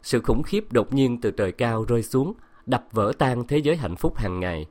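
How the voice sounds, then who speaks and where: A man narrating a story in a steady, measured reading voice. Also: mid-range voice. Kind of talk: scripted audiobook narration.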